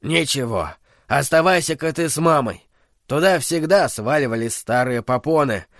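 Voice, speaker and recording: A man voicing a steady, kindly hotel cook in his sixties who talks in a calm, practical, reassuring way, as part of an audiobook reading. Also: medium pitch, moderate pace, no room sound, clean studio sound.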